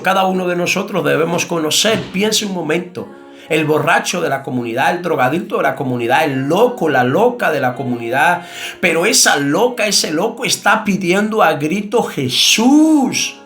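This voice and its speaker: A man's voice: a little high, fairly bright tone. A man preaching a sermon with passion, asking rhetorical questions and crying out repeated calls.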